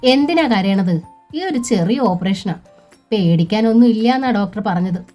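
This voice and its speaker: A woman voicing a gentle young wife awaiting surgery, speaking softly and consolingly in a storybook reading. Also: medium pitch, animated, normal speed, faint music behind, close to an everyday voice.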